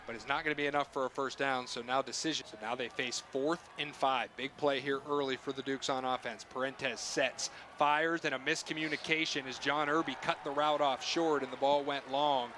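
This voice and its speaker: A man's voice: mid-range voice, steady tone, normal speed, hardly any pauses, bright, forceful tone, a little hiss or hum. A man calling live football play-by-play in short phrases that follow the action. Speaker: play-by-play announcer. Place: stadium broadcast booth.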